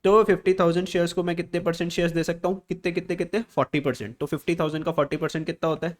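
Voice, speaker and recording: Man, quick classroom teacher, slightly high voice, Indian English accent on terms, asks then answers himself. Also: fairly even intonation. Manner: asks questions and answers them himself, repeats key words; addresses students as beta and sir. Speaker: accounts teacher. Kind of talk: classroom lesson, whiteboard explanation.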